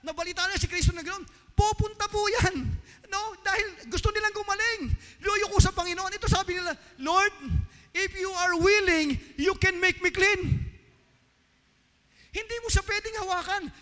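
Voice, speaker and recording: A man's voice: extremely high pitch, sharp tone, in a large hall. A man preaching a fervent sermon and mixing in English, who keeps calling out to the congregation as his beloved. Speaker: pastor.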